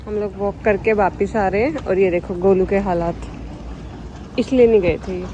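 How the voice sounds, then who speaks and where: A woman's voice: mid-range voice, steady tone, normal speed, warm tone, lo-fi sound, a little hiss or hum. A young woman vlogging casually outdoors on a city street, chatty and cooing to street dogs. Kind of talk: casual vlog chat.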